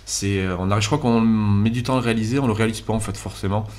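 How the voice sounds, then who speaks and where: Brief: twenties male gaming YouTuber, southwestern French accent, lowish voice, sincere and halting, cheap mic. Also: fairly even intonation, a little mellow. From Landes, southwest France. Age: 20s. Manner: earnest, hesitant with frequent "euh" fillers. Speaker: YouTube gaming channel host. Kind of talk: voice-over commentary over gameplay. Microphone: basic cheap microphone.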